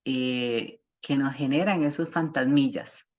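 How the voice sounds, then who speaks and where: A woman with a notably low voice leads a support group over a video call, explaining ideas in plain, folksy terms with homely images. Her sound comes through muffled and lo-fi, as call audio often does. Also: takes it slowly, a little mellow. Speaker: psychologist leading the session. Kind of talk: warm group facilitation.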